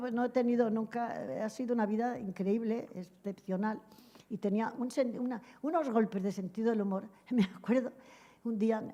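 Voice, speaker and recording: A woman's voice: mid-range voice, warm tone. An older woman being interviewed, telling long, rambling anecdotes, often laughing and acting out bits of dialogue as she goes. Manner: rambling, digressive storytelling with frequent laughs; acts out quoted dialogue.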